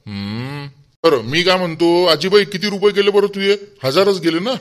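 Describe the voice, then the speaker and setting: A man's voice: high-pitched, moderate pace, fairly bright tone. A man voicing a fussy, self-righteous village man in a cartoon, with a Vidarbha Marathi accent, rambling and grumbling to himself. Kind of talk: cartoon voice acting.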